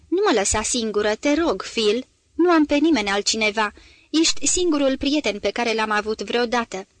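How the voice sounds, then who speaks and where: A woman reading a literary novel aloud as an audiobook, measured and grave, giving the dialogue a voice. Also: fairly high pitch, no echo. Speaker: audiobook reader.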